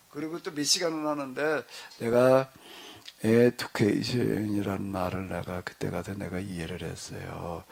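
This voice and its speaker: A middle-aged male pastor telling a story to his congregation in a relaxed, conversational way, acting out the dialogue as he goes. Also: lowish voice, gravelly, breathy edge. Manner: conversational, animated retelling with quoted dialogue. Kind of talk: storytelling in a church discussion.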